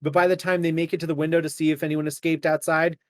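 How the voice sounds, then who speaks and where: Higher-pitched man narrating as game master. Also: level tone, fast talker, no room sound, clean studio sound. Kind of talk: improvised tabletop game narration.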